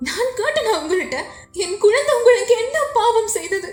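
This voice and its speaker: A woman's voice: very high voice, lively intonation, normal speed. A woman voicing a grief-stricken, furious young woman in a storybook reading, with a Sri Lankan Tamil accent and a sobbing, accusing manner. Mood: anguished, furious. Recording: echoey room with faint music.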